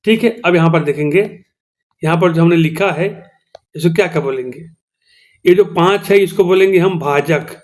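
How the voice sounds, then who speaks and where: A man's voice: fairly high pitch, moderate pace. A male teacher with a Chhattisgarhi-tinged Hindi accent, explaining a maths lesson step by step and often checking in with his students. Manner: explains step by step, repeats "theek hai doston".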